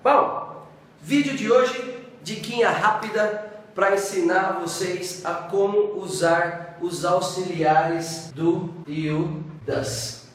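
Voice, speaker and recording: A man's voice: high-pitched, takes it slowly. A man with a Brazilian Portuguese accent teaching an English grammar lesson, checking in with "ok?" and "tá?" after almost every point. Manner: keeps checking in with "ok?" and "tá?". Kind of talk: classroom-style grammar lesson. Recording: echoey room, distant mic, faint noise.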